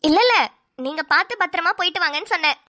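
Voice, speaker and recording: A woman voices an exasperated cartoon daughter-in-law, full of sarcasm and grumbled side remarks. The delivery is quick, and her tone is very high, bright and sharp, typical of cartoon voice acting.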